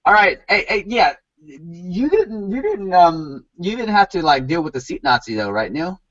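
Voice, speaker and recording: A man's voice: high-pitched, very animated, moderate pace, a bit bright, dry recording, highs cut off. A man hosting a casual podcast chat, rambling and repeating words with lots of "you know". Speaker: podcast host.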